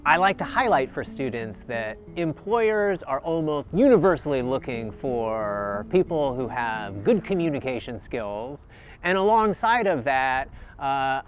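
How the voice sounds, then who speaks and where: A man in his thirties, an instructor, explaining things in an outdoor interview on a lapel mic. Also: medium pitch. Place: outdoors in a garden. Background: faint music.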